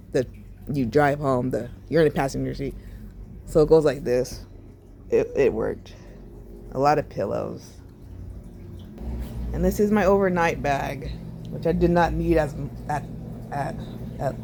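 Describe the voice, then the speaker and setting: A woman vlogging casually about her recovery, sore and short of breath, with a sore throat, talking haltingly with sighs and restarts. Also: sits low, dark tone. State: sore and winded after surgery.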